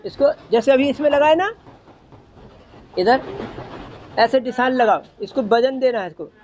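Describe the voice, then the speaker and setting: A woman teaching a chant line by line, slowly correcting each syllable's pronunciation. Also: high-pitched, darkish tone, a little hiss or hum. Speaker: religious teacher. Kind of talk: line-by-line recitation lesson. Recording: dull lo-fi recording.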